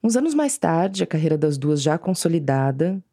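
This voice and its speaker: Uma mulher narrando um podcast com texto roteirizado, em ritmo de contação de história. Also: female voice, low-pitched, big pitch swings, warm tone, dry recording, clean studio sound. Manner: measured storytelling narration. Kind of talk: scripted narration.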